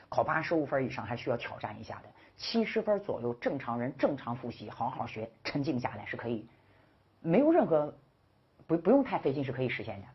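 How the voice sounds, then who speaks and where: Female English teacher, low and very husky voice, emphatic, chummy lecturer; dull lo-fi recording. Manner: emphatic, drills students with rhetorical questions; slangy and chummy with viewers. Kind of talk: online grammar lecture.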